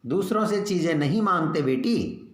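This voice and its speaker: A man voicing an exasperated mother who scolds her little girl, chiding in a drawn-out, sing-song way, with a roomy echo on the recording. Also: on the high side, lively intonation, pitched above the performer's own voice, close to an everyday voice. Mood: scolding.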